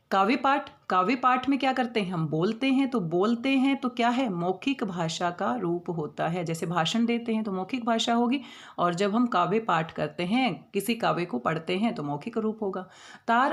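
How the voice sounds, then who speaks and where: A woman teaching a grammar lesson to children, asking questions and answering them herself, and spelling words out syllable by syllable. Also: medium pitch. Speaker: Hindi teacher. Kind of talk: classroom lesson.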